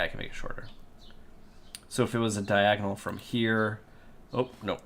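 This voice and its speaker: A man's voice: on the low side, creaky, a bit bright, slight background noise. A sleepy man thinking aloud as he works through a 3D design on his computer. He mutters to himself and repeats little words over and over. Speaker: designer working through a 3D model.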